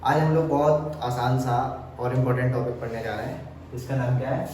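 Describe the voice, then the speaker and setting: A man's voice: medium pitch, steady tone, a little fast, darkish tone. Male chemistry teacher, classroom lesson, distant mic, faint room noise. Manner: asks questions then answers them himself. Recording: echoey room, mic far off.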